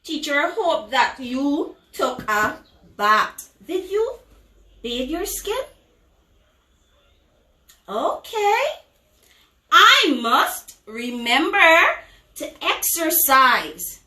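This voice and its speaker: Female preschool teacher, high and slow, overbright singsong questioning for little children, recorded off-mic in an echoey room. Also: big pitch swings, sharp tone. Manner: overbright, exaggerated kids-host delivery with singsong questions. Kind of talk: children's lesson, call-and-response. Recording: echoey room, distant microphone.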